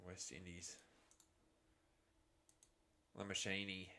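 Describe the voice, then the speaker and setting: A man with an Australian accent giving a live cricket reaction commentary, shifting between excited calls and chatty asides. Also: low voice, takes it slowly, slight background noise.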